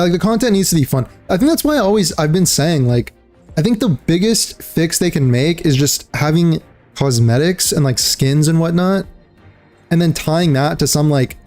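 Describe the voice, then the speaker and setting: A man's voice: fairly high pitch, warm tone. A young man streaming a game and chatting casually, rambling with lots of fillers and calling people dude and bro. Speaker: livestreamer. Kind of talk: casual gaming chat.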